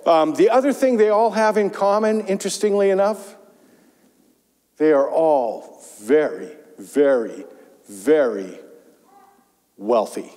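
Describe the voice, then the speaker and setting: An older man, a pastor, giving a conversational, animated sermon with rhetorical asides, on a lapel mic in a large church. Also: a little high, slow pace, long pauses. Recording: church sanctuary reverb.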